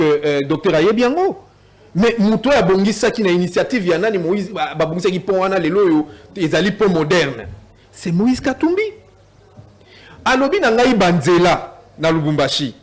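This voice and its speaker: A high-pitched man with a Congolese French accent appears as a guest in a TV political debate. He mixes French with Lingala and stumbles over repeated words.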